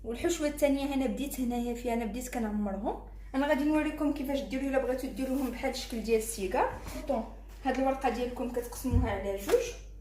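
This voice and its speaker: A woman with a Moroccan Arabic accent explains a recipe step by step, in a rapid, rather high voice. Her tone is dark and mellow. The room is echoey, with a faint hiss behind her. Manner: talks viewers through each fold while working. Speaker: cooking channel host. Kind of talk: step-by-step cooking tutorial.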